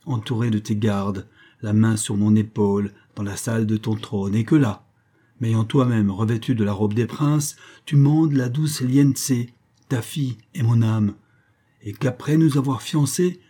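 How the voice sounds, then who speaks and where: A man's voice: medium pitch, steady tone, a little slow, mellow, husky. A man reading the part of a proud, cunning young poet who pleads and defies with passion. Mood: defiant. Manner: impassioned and defiant pleading. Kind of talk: audiobook reading.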